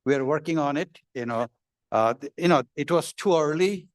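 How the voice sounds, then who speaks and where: Panelist: mid-pitched man, keen, upbeat, repeats for emphasis, dry mic. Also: moderate pace, no echo. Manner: enthusiastic, repeats himself. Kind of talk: speaking on a conference panel. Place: conference hall.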